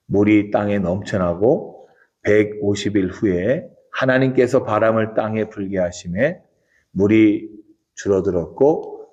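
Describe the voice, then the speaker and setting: Pastor, man, lowish voice, steady earnest sermon delivery in a church. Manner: measured, earnest preaching cadence. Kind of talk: dawn prayer sermon. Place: church sanctuary.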